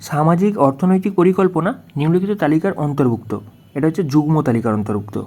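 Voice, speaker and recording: A man's voice: fairly high pitch, fast talker, darkish tone. A male tutor explaining exam answers one step at a time, often putting questions to the student. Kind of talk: worked-solution lesson.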